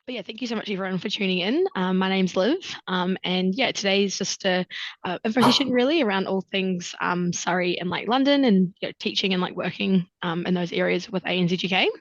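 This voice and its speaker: A woman's voice: medium pitch, a little fast, dry recording. A young woman hosts an online info session, chatty and loose, filling her talk with ums and likes. Her voice sits in a middle range and sounds dry. The video call audio is slightly muffled. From New Zealand. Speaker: recruitment consultant hosting a webinar. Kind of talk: casual webinar presentation.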